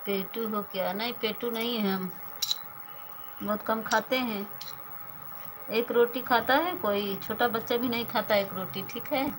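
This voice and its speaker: A woman's voice: on the high side, unhurried, pauses often, noisy background. A woman in her thirties hosting a casual live stream, chatting with viewers and thanking them by name.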